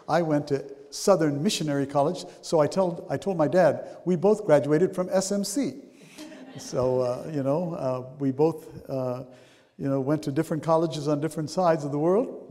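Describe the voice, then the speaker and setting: An older man from Sri Lanka gives a church sermon, talking in a loose, rambling way full of fillers and restarts. His voice is mellow and dark, and it rings with long reverb through a large sanctuary. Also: fairly high pitch. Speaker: pastor. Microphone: handheld mic.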